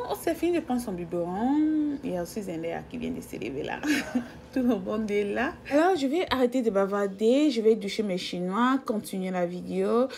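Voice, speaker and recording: A woman's voice: medium pitch, gravelly, darkish tone. A woman from Equatorial Guinea, a mother chatting in a rambling way to her viewers in a casual home vlog. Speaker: vlogger and mother. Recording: noisy home recording.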